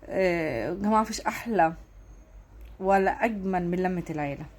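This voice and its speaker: A woman's voice: fairly low pitch, fast talker, a little mellow. A woman with an Egyptian accent giving emotional casual vlog commentary, fighting back tears and repeating herself. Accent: Egyptian Arabic. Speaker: online commentator.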